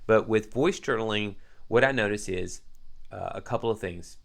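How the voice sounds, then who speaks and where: Podcast guest, male, lower register, earnest and reflective, explains through examples. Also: moderate pace, gravelly. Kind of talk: casual conversational advice.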